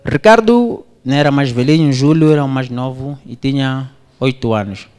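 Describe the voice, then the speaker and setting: A man's voice: moderate pace, clear, resonant tone. A man from Angola preaching a sermon, telling a story with his voice swinging up and down. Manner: animated storytelling, voice swings high and low. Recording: long hall reverb.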